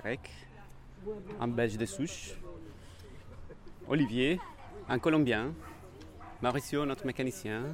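A man's voice: mid-range voice, takes it slowly, pauses often. A man speaking informally as a workshop organiser, explaining things step by step with some hesitation. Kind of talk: casual spoken explanation. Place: outdoors in town.

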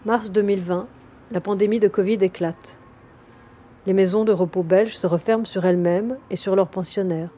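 Woman documentary narrator, mellow and slightly husky, measured reflective read. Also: mid-range voice, fairly even intonation. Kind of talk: scripted narration.

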